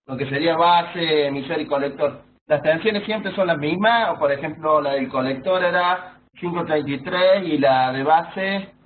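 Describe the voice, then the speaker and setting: A man asking a teacher a question in an online class, hesitant and halting. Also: on the high side. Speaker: student. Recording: tinny video call with faint noise.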